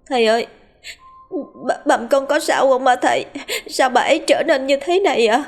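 Brief: woman playing weepy young daughter, high and pleading, husky. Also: normal speed, soft background music. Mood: tearful.

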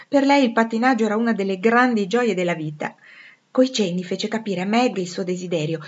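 A woman narrating a classic novel with a measured, expressive reading. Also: lowish voice, muffled recording. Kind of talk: storybook narration.

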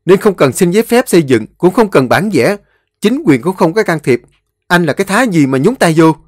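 A man doing a defiant, shouting young man. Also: a little high, no echo, studio quality, voice pushed up. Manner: defiant, heated arguing.

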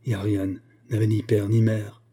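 A man's voice: fairly low pitch, little pitch movement, moderate pace, mellow, slightly rough. A man voicing a remorseful, indignant young noblewoman in an audiobook, pleading earnestly. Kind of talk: audiobook character voice.

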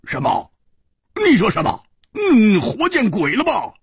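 A man's voice: huge pitch swings, fairly quick, husky, dry recording, studio quality, exaggerated voice. A man doing a blustering, stammering swordsman. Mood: hot, blustering. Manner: stammers and shouts in high bursts. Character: hot-tempered, stammering male swordsman, middle-aged.

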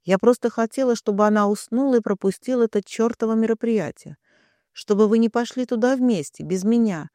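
A jealous young woman pleads through her sobs, stammering and raising her voice high, as a male narrator puts her on. Her tearful, breathless lines come from an audiobook with a dry, close sound. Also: a little fast, dark tone, no echo, close to an everyday voice. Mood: tearful pleading.

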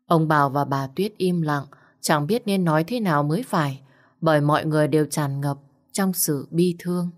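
A woman narrating a scripted family drama in a steady storytelling manner. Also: sits low, normal speed.

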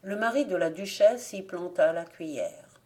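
A woman narrates folk tales for an audiobook. She reads in a steady, clear storytelling manner, with a fairly low voice. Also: unhurried. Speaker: volunteer audiobook reader.

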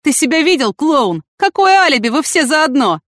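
A woman voicing a loud, mocking male police lieutenant who shouts accusations. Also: on the high side, lively intonation, fairly quick, dry recording, clean studio sound, pitched above the performer's own voice. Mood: mocking, shouting.

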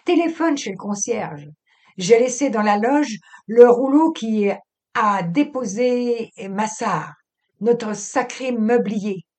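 A woman voicing a gentle young man who dotes on his cat, in a fond, coaxing tone. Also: on the high side, lively intonation, takes it slowly, pitched above the performer's own voice. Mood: cheerful.

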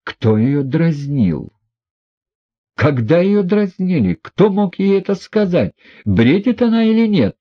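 A man doing a shrill, outraged matron. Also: very animated, slow, hardly any pauses, muffled recording, exaggerated voice. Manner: shrill, exclaiming. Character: outraged, imperious middle-aged mother.

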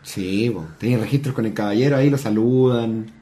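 A man's voice: mid-range voice, brisk, mellow. Young Chilean guy, easygoing co-host, asks questions, casual slangy talk, mid-range voice. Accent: Chilean Spanish. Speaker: podcast co-host. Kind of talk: casual chat.

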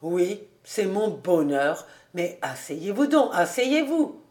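A woman's voice: on the low side, sing-song, slow pace, a little mellow. A woman voicing a cheerful, eager man who exclaims heartily in an audiobook. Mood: hearty.

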